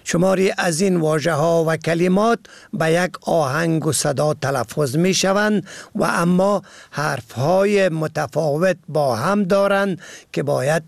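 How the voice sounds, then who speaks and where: A man with an Afghan Dari accent reading a scripted radio program, slow and careful, spelling words out letter by letter. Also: a little high, gravelly, no echo. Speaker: radio presenter.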